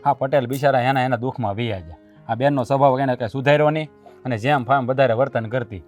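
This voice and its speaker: A man's voice: medium pitch, quick pace, recorded from a distance, muffled recording, faint music behind, lightly acted. An actor playing a village husband caught between his wife and his widowed sister, speaking in a placating, pleading way. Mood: earnest. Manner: placating, pleading, rising to shouting. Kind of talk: village family drama acting.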